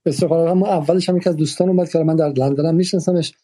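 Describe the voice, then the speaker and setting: Guy hosting a talk, very dark husky voice, thinks out loud with lots of ums. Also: on the high side, steady tone. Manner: thoughtful, hesitant, many fillers. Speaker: host. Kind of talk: moderating a discussion.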